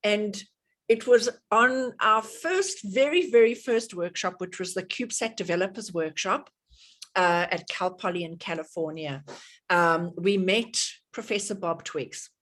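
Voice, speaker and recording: This video-call workshop host, a middle-aged South African woman, talks a little slowly with a mid-range, fairly bright voice. She chats freely, frequently filling pauses and restarting her sentences.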